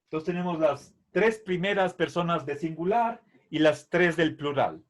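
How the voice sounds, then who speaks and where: With an expressive voice on the high side, a middle-aged teacher walks through a Latin grammar lesson slowly. He drills the verb forms syllable by syllable, repeats them patiently, and asks "¿sí?" after each point.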